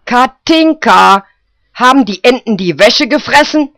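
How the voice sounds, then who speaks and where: Man putting on a shrill scolding old village woman. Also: expressive, slow pace, pushed and bright, no echo, clean studio sound, full character voice. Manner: screeching, nagging calls. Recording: slightly muffled lo-fi recording.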